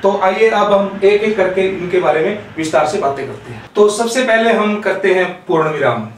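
A man teaching a class of children, going slowly through each point with simple examples. His voice sits high, and it comes from a fair distance across the room. A strong echo fills the classroom, with faint noise behind him. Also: expressive. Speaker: school teacher. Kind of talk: classroom lesson. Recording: very echoey room, voice from far off.

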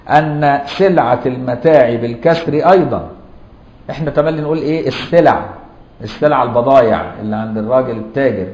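A man's voice: medium pitch, a little mellow. Egyptian man teaching in a roomy hall. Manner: explains patiently, checks understanding with rhetorical questions; chants verses slowly. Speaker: Islamic jurisprudence teacher. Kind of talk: classroom lecture. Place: lecture hall or mosque. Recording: roomy, dull lo-fi lecture recording.

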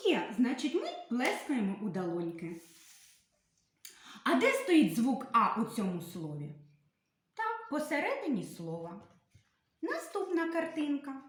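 A woman teacher giving a literacy lesson to young children, asking questions, answering them herself and drawing out the vowel sounds. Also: high-pitched. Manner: sing-song, drawn-out sounds, questions then answers to children. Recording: echoey room.

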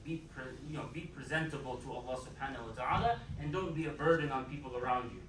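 A man's voice: medium pitch, quick pace, fairly bright tone, a little hiss or hum. A man giving a Friday sermon as imam in a mosque, emphatic and repeating his key phrases. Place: mosque prayer hall. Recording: echoey hall, mic far off.

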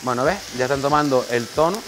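Over a noisy background, a chef demonstrates cooking in a small kitchen class. He talks fast in a mid-range voice, practical as he directs the assistant next to him one step at a time.

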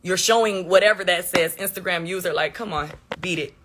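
A woman's voice: on the low side, a little fast, noisy background. A woman venting on a phone livestream, defensive and sarcastic, answering her chat.

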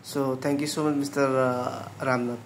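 Flat-voiced male job interviewer. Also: medium pitch, creaky, slight background noise. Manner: brisk, repeats answers back, says okay often.

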